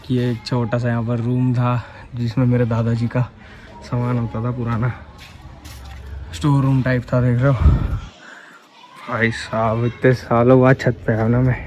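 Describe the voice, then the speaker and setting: A man's voice: mid-range voice, completely flat delivery, a little slow, pauses often, a little mellow, a little hiss or hum. A young man casually showing viewers around the empty old house he grew up in, chatting to them like friends. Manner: chatty, addresses viewers as bhai. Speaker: vlogger. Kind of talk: casual home tour vlog.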